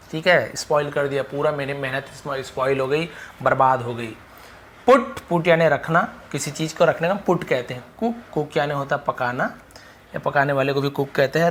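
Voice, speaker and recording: A man's voice: fairly high pitch, fairly bright tone. A man with a Hindi accent teaching an English vocabulary lesson, calling out each word and then explaining it with frequent "okay" checks.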